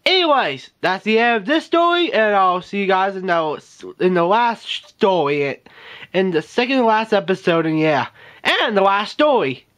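A man's voice: high-pitched, sing-song, moderate pace, a bit bright. A male storyteller rambling through a homemade toy adventure, saying "beep" in place of swear words. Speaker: storyteller voicing toy figures.

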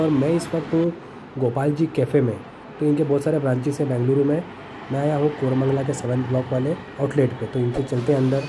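A man narrating a casual food review in a small café, chatty and enthusiastic, with some hesitant fillers. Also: fairly high pitch. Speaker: food vlogger. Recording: noisy café background.

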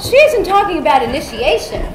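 Wry party host in a stage show, high lively voice,, echoey theater. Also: female voice, fairly quick, crowd noise. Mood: chatty. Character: harried adult woman party host, wry. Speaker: party host at a children's play space. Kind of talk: stage musical acting. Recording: echoey stage with audience noise.

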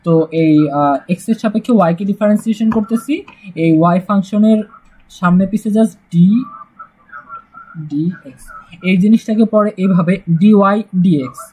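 A man's voice: sits high, a little mellow, rough recording. A man teaching a casual math lesson, chatty and joking, with frequent "uh" fillers. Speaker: math tutor.

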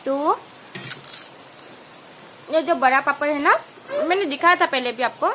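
High-voiced chatty woman vlogging at home. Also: unhurried, sharp tone, slight background noise, rough recording. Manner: chatty, laughs often, many fillers. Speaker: vlogger mother. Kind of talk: casual home vlog chat. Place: home indoors, rain outside.

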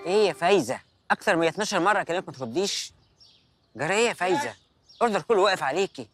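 An actor playing a pushy production assistant, nagging and scolding, with an Egyptian accent. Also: male voice, high-pitched, lively intonation, racing, music in the background. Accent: Egyptian Arabic.

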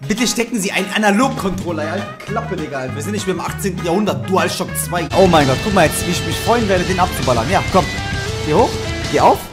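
A man's voice: on the high side, lively intonation, fast. A man in his twenties talks through a game as a streamer. His delivery is casual and slangy with plenty of cursing, picked up by a close desk microphone, with music behind him. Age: 20s. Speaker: gaming streamer. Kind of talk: casual let's play commentary with slangy cursing. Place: small indoor room. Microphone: close desk microphone, headset worn.

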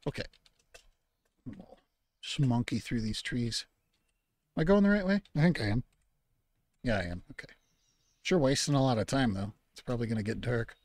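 A relaxed man talking his way through a game in a loose, rambling manner, thinking out loud as he goes. His voice sits at an ordinary middle pitch. The sound is close and dry, with no room around it. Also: normal speed, long pauses, dry recording. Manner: easygoing, rambling, talks to himself about the game; mock-outraged scolding at game animals. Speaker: gaming channel host. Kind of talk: relaxed let's-play commentary.

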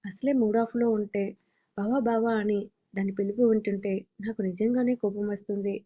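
An impatient young father speaks in clipped, irritated lines, read by a woman. Her voice stays warm and mellow, with little rise and fall. The recording sounds a little dull and lo-fi. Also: medium pitch, fairly even intonation, moderate pace, natural voice. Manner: curt, irritated.

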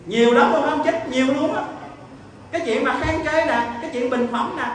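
A man's voice: extremely high pitch, a little fast, slight background noise. A man with a Southern Vietnamese accent giving an emphatic sermon, telling a story and acting out its dialogue. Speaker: preacher. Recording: echoey hall, distant mic.

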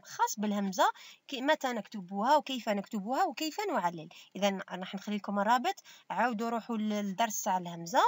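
A woman's voice: fairly high pitch, no room sound. A woman teacher with an Algerian Arabic accent, giving a step-by-step revision lesson and asking and answering her own questions. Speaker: primary school teacher.

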